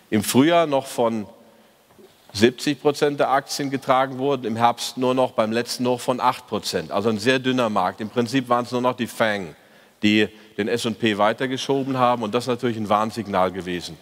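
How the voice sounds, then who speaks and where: A man speaks on stage at a conference, reviewing the stock market in an opinionated, ironic way. He hesitates often with fillers. His mid-pitched voice rings with the long reverb of a large hall. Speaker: fund manager giving a market review. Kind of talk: conference talk.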